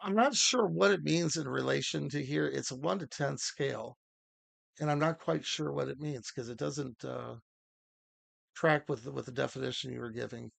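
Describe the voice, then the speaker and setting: A man hosting a casual livestream workshop, talking haltingly with many fillers and restarts. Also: mid-range voice, gravelly, a bit bright, dry recording. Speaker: host.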